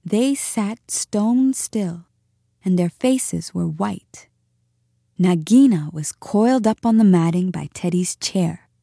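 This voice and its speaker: A woman narrates a classic animal tale in an expressive, measured reading voice of middling pitch. She paces the action with care, slowing for tense moments. The recording is dry and close, with no room sound. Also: creaky, no room sound. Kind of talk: storybook reading.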